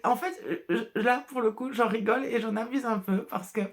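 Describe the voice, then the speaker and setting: A woman's voice: on the high side, moderate pace. A woman with a regional French accent, chatting casually on her podcast about dyeing yarn colours and laughing often. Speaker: hand-dyer and shop owner hosting a podcast. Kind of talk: casual chat.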